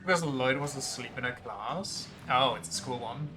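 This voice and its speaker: A man's voice: mid-range voice, moderate pace, music in the background. A man giving casual livestream game commentary, joking and rambling as he goes. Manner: joking, rambling, reads game text aloud. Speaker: VTuber streamer.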